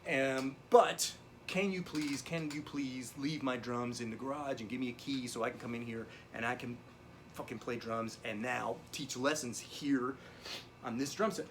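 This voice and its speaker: A man plays a luckless drum teacher in a comedic monologue, rambling through a digressive, profane story during a video-call lesson. His medium-pitched voice has fairly even intonation and a moderate pace, only lightly acted, with a little hiss or hum in the audio.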